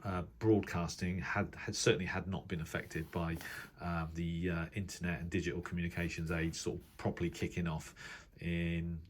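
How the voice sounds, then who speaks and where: The man's voice sits low, with a flat delivery at normal speed, and a little hiss or hum runs under the recording. He's a radio hobbyist vlogger giving loose, informal commentary on a reference book, rambling, thinking aloud, and correcting himself.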